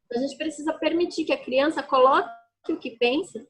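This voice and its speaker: A woman's voice: sits high, fast talker. A woman speaking as an educator in an interview, explaining at length and often tagging her sentences with "né?". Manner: explanatory, frequent "né?" tag questions. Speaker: educator guest. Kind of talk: conversational interview answers.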